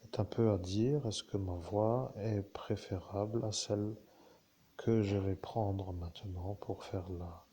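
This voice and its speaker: Man, lowish mellow voice, unhurried; rambling spiritual talk, drifts off on asides. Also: steady tone, slight background noise. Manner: digressive, musing, with asides and self-corrections. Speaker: spiritual speaker addressing listeners.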